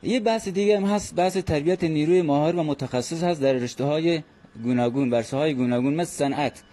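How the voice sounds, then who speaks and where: A man as an interview guest, talking in an earnest, measured way with frequent hesitant fillers. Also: on the high side, dark tone. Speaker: guest expert. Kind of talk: formal radio interview.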